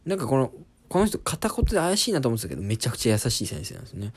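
A man's voice: medium pitch, big pitch swings, racing, darkish tone, slightly rough. A man in his twenties, a comedian hosting a podcast, telling an embarrassing story in a casual, self-deprecating comic monologue. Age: 20s.

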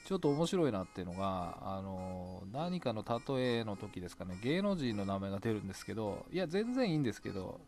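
A man's voice: lowish voice, very animated, a little fast, few pauses, a little mellow, soft background music. A man hosting his own talk podcast, rambling casually and chuckling to himself as he looks back on past episodes. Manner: chatty, rambling, laughs to himself. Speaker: podcast host. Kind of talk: solo talk radio looking back.

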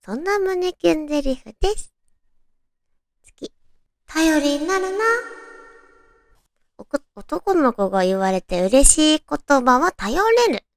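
A woman's voice: fairly high pitch, creaky, dry recording, studio quality. A woman chatting casually and girlishly as a solo host, reading out romantic material and adding her own reactions. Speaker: solo host of an audio talk show.

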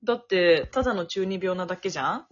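A young woman co-hosting a casual comedy podcast, loud and hyper, playing a mock-formal emcee and laughing often. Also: fairly low pitch, animated, quick pace. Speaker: co-host. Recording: lo-fi, muffled audio.

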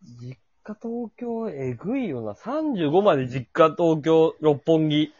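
A man's voice: fairly high pitch, expressive, takes it slowly, dry recording, muffled recording. A man with a Kansai accent in casual, colloquial chat.

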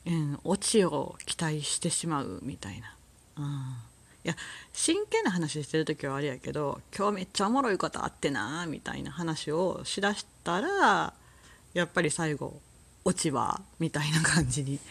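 Kansai lady rambling on her own podcast, kinda low voice that swoops around a lot, laughs a bunch. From Kansai, Japan. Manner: relaxed and rambling, often laughing. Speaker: solo podcast host. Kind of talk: casual solo talk.

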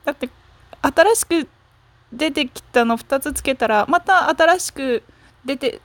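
Recorded on a smartphone app with no echo, a solo talk show host speaks in a high, animated voice at a measured pace during a casual fan chat. Her musing is rambling and frank, full of self-corrections and trailing fillers.

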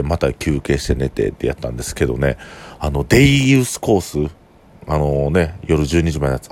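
A young man with a Kansai accent chatting casually on his solo talk show, telling rambling stories in an animated way. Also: rumbling low. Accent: Kansai Japanese. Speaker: podcast host.

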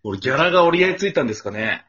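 Very animated, teasing male co-host. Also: on the high side, racing. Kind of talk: bantering radio chat. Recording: dull audio with chattering crowd sound.

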